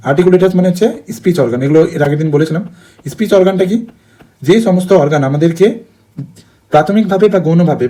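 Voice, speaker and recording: Brisk, mellow-voiced male teacher. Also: fairly high pitch. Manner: brisk, asks and answers his own questions; repeats key terms, checks in with "okay?". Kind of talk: online lesson.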